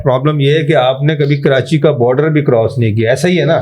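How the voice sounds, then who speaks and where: A man's voice: mid-range voice, fast, darkish tone. A man hosting a podcast interview who speaks politely and keeps pleading to be heard. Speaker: podcast host. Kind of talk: casual interview.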